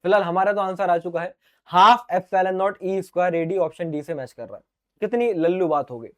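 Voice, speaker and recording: A high-voiced, middle-aged man teaching physics to exam students in an online lecture. He is lively and playful, talks to the viewers as his dear children, and stages little back-and-forths by answering his own questions the way a student would. His voice is getting a little sore from talking so much. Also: moderate pace. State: sore throat.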